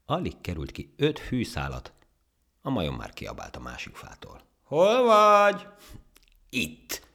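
A man reading a children's fable aloud as narrator, with expressive storytelling. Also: extremely low pitch, vocal fry, husky.

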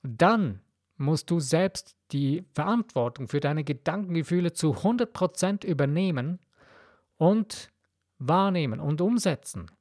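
A man's voice: on the high side, animated, a little slow, darkish tone, no echo, clean studio sound. A man hosting a podcast, talking straight at the listener in a blunt, preachy motivational monologue. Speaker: podcast host.

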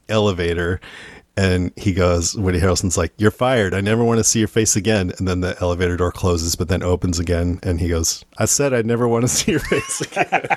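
A man's voice: low voice, no echo, clean studio sound. A man hosting a podcast, talking casually about favorite movies and animatedly acting out lines. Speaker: podcast host. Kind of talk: casual film chat.

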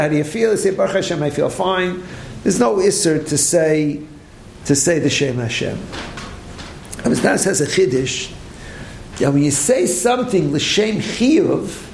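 A man, a rabbi, giving a late-night Talmud lecture, animated, firing rhetorical questions and restarting his sentences, with many Hebrew terms. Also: sits high, vocal fry, reverberant, a little hiss or hum. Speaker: rabbi teaching a Torah class.

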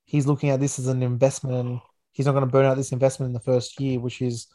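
A man's voice: mid-range voice, monotone, fast, dark tone. An Australian man hosting a casual sports review podcast, talking like a laid-back, matey everyday bloke. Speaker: podcast host.

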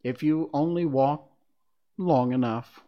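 A man voicing a sly, grinning male cat who teases and talks in riddles, drawing his words out with high swoops. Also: takes it slowly, lo-fi sound. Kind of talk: storybook reading.

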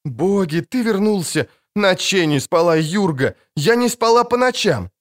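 A man's voice: high-pitched, animated, unhurried, voice pushed up. A man reading an audiobook, voicing a middle-aged village wife who talks in an emotional, pleading way. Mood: overjoyed.

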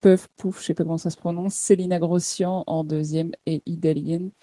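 A woman co-host talks through sports results in a warm, mellow voice that sits a little low. She hesitates often and fills gaps with fillers. Her sound is close and dry. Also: level tone, a little fast, no room sound. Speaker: podcast co-host. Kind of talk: casual sports chat.

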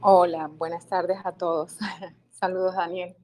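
A woman's voice: fairly low pitch, flat delivery, slow pace, a little mellow, a little hiss or hum. A woman calling into a live show, speaking hesitantly with many fillers. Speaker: caller. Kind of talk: live call-in talk.

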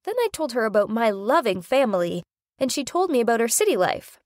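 A woman narrating a scripted first-person story in an animated, dramatic way. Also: fairly high pitch, fairly quick, no echo, studio quality.

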